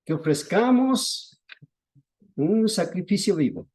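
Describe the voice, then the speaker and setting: In a sermon for a small congregation, a male preacher narrates unhurriedly and with care, letting his pitch rise and fall in a lively way.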